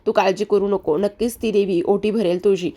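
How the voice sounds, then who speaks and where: Brief: pious older uncle, read by a woman; calm, steady reassurance. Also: medium pitch, normal speed, close to an everyday voice. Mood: comforting. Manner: calm, comforting.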